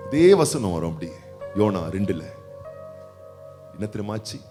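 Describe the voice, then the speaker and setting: A man preaching a sermon as a pastor, moving between quiet teaching and loud, fervent exhortation and acting out the people he quotes. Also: lowish voice, lively intonation, unhurried. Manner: acts out the people he quotes in short bursts. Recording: faint music behind.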